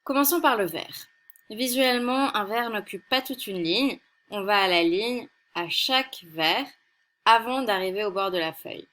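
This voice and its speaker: A woman teaching a recorded lesson on poetry, explaining carefully and reading example verses slowly and softly. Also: mid-range voice, animated. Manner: slow, deliberate, careful explanation. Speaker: French teacher.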